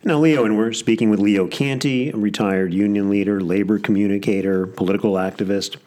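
A man's voice: lowish voice, fairly even intonation, brisk, warm tone. A man hosting a radio interview, asking long, conversational questions of his guest.

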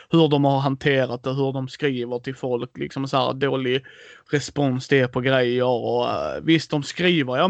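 A man co-hosting a casual board game news chat, animated and joking, with sarcastic asides. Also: mid-range voice, vocal fry, dry recording, highs cut off. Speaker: podcast co-host.

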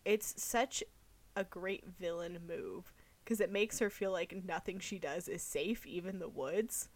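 A woman's voice: fairly low pitch, a little slow. A young woman in casual podcast chat about a book, rambling and thinking aloud with lots of filler words.

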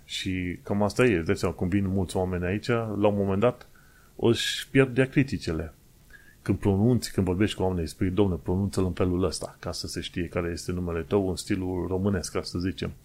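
A Romanian man addresses his viewers directly in a loose, chatty monologue, explaining things step by step. His fairly low, steady, slightly mellow voice drifts into small tangents, and he hesitates as he searches for words.

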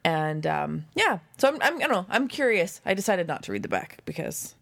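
A woman's voice: lowish voice, very animated, fairly quick, vocal fry, a bit bright, no room sound. A woman co-hosting a board game podcast in casual chat, talkative and a little self-deprecating. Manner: chatty, apologetic, self-deprecating.

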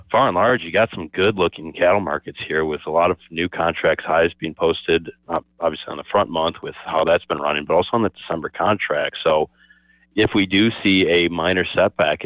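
A man with a very low voice comes through a tinny phone line, dry and close with no room around it. He talks as a market analyst in a steady, explanatory way. His answers often open with a casual "yeah, so". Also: fairly quick, no room sound. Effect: over the phone. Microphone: telephone.

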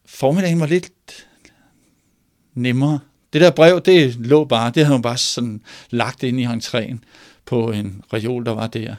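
A man telling a story aloud in a measured, pausing way, moving between hushed and emphatic passages. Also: mid-range voice, steady tone. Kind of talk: oral storytelling.

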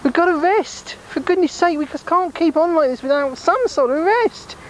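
A frantic, worn-out leader of a group, as a man puts him on, pleading for rest and exasperated with everyone. The voice is pushed far above the performer's own into a squeaky register, recorded outdoors with faint noise behind. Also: moderate pace. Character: exhausted male group leader, frantic and complaining.

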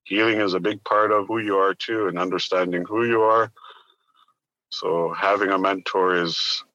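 A man from Arctic Canada, giving plain-spoken, reflective interview answers and pausing between phrases. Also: sits low, fairly even intonation, pushed and bright, dry recording, muffled recording. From Arctic northern Canada. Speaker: interview guest, business owner.

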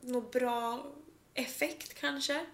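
A woman co-hosts a casual podcast chat, blunt and teasing. Her voice sits slightly high. The room around her is echoey. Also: fairly even intonation, fairly bright tone, a little hiss or hum. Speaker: podcast co-host.

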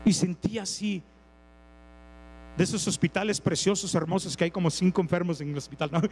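A man's voice: high-pitched, fairly quick, a little mellow, in a large hall, slight background noise, rough recording. A man with a Mexican accent preaching a sermon, telling stories, acting out characters and asking the congregation questions. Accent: Mexican Spanish. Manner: storytelling, acts out characters, asks the congregation questions.

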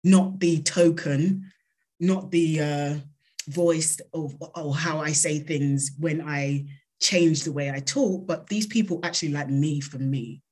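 A woman's voice: sits low, unhurried, darkish tone, breathy edge. Woman with an unsoftened South London accent. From South London, England. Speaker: interview guest, consultant. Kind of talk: conversational interview answers.

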